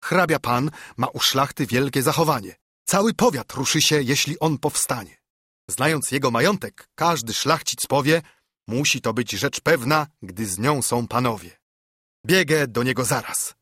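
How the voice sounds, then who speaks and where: A man's voice: mid-range voice, expressive, normal speed, sharp tone, husky, dry recording, clean studio sound, voice pushed up. A man voicing a fervent old monk who urges others to rise up, in an impassioned audiobook verse reading. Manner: impassioned, urging.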